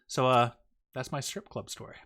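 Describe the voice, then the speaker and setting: A man chatting casually on a podcast, telling a story in an animated, profane way and acting out the quoted lines. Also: medium pitch, moderate pace. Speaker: podcast host.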